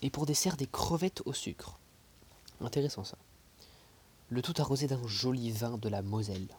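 A man reading a classic novel aloud, expressive, dropping into soft whispered passages and adding small asides. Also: mid-range voice, moderate pace, a little hiss or hum. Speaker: audiobook reader.

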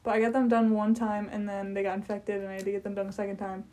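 A woman's voice: medium pitch, monotone, fast talker, darkish tone. A young woman in a casual podcast chat, rambling and swearing freely.

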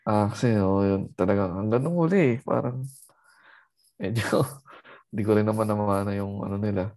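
A man's voice: lowish voice, normal speed, a little mellow. A man from the Philippines, a guest in a casual interview, who laughs often and mixes English phrases into his Filipino speech.

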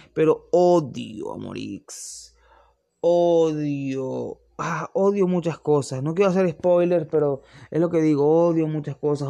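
A man's voice: a little high, gravelly, warm tone. A young man, reviewing series in casual, opinionated chat that rambles and restarts often.

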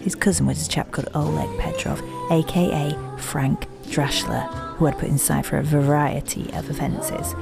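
A woman's voice: deep voice, moderate pace, creaky, hardly any pauses, music in the background. A woman with a Yorkshire accent narrating a detective audio drama in a dry, self-mocking way.

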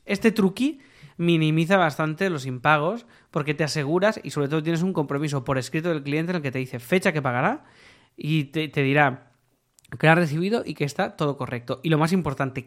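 A man from co-hosting a podcast who lays out advice step by step. His voice sits somewhat high for a man. His delivery is casual and conversational. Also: brisk. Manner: explanatory, gives practical tips. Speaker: podcast co-host. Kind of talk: casual chat.

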